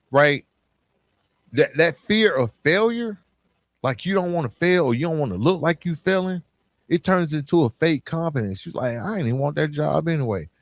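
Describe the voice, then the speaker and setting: Recorded dry, a man with a voice on the high side hosts a podcast. His monologue is motivational, emphatic and colloquial, built on storytelling and key phrases he keeps repeating, all in an informal address.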